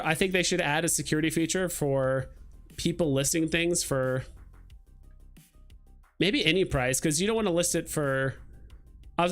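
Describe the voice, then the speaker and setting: A young man hosting a casual livestream, talking in a loose, rambling way with lots of "like" and "um". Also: a little high. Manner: rambling, relaxed, lots of fillers like "like" and "um". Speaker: livestream host.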